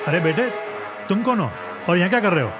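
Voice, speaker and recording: An actor playing a sly landlord who coaxes a child and later begs the police not to beat him. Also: male voice, high-pitched, expressive, fast talker, loud music behind the voice. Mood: coaxing. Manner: wheedling, then begging loudly. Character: sly middle-aged landlord, cowardly when arrested.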